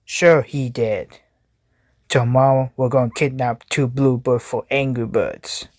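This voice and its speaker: A performer voicing a tiny scheming villain plankton in a cartoon skit with a drawn-out, deliberate delivery. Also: mid-range voice, steady tone, darkish tone, no room sound, clean studio sound, natural voice. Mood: sulky, plotting.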